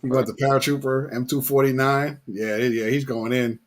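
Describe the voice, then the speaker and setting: A man's voice: medium pitch, level tone, normal speed. A man chatting casually as host in a slangy, laid-back way, often repeating his phrases. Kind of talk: casual chat.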